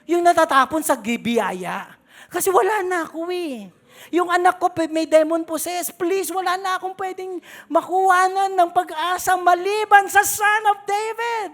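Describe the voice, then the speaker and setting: A woman's voice: very high-pitched, moderate pace, a bit bright, pitched above the performer's own voice. A woman with a Filipino accent voicing a desperate Gentile mother pleading for mercy in a sermon. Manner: begging, humble.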